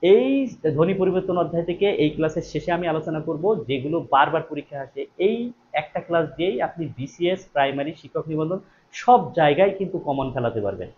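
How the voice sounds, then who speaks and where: A man's voice: on the high side, animated, brisk. A man teaching a live online exam-prep class, repeating each question and then answering it himself, stressing key words. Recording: dull lo-fi stream audio with faint noise.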